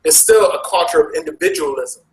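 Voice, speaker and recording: A man with an American accent, talking casually as an interview guest, animated and jumping sharply in pitch. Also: fairly quick, echoey room, poor audio. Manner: animated, with big jumps in pitch. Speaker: interview guest, travel vlogger. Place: Asia.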